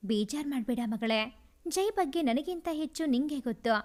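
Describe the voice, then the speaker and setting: A woman voicing a gentle, consoling old mother. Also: high voice, animated, moderate pace. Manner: soothing, motherly.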